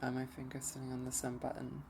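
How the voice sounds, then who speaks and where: Brief: let's play streamer reading a visual novel aloud, gravelly and slow, mid pitch, game music underneath. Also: completely flat delivery, background noise. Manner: slow, hesitant first-person reading.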